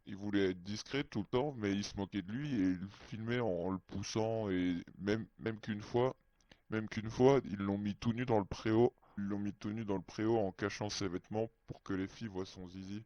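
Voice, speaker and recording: A man's voice: lowish voice, moderate pace, warm tone, dry recording. A man whose voice is disguised with a voice changer, telling a personal story in a hesitant, childlike way. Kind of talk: halting first-person storytelling. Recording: dry, muffled lo-fi sound.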